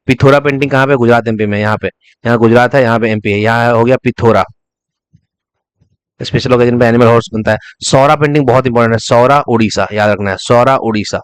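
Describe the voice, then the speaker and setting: A man teaching a fast revision lesson for exam students, repeating key terms as memory tricks and asking and answering his own questions. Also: mid-range voice, clean tone, no room sound. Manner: breaks into short sung snatches to illustrate.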